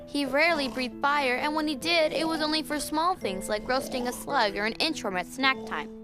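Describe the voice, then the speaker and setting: A woman playing a girl who reads a storybook aloud to young children in an expressive way, as in a cartoon. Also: high-pitched, normal speed, natural voice. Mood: storytelling. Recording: music behind the voice.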